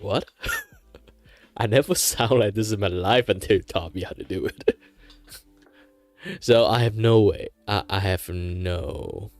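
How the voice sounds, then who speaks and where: A deep-voiced man in his thirties from Malaysia, whose first language is Chinese, chats casually on a drawing stream, with no echo on the audio. A streamer and aspiring voice actor, he fills his talk with fillers and laughs.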